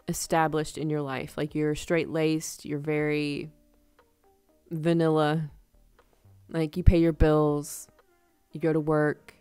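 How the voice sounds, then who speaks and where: Tarot reader, woman, low smooth voice, chatty with frequent laughs, dry close sound, soft music underneath. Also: no room sound. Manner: chatty, laughs often, acts out quick examples. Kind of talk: casual tarot reading to camera.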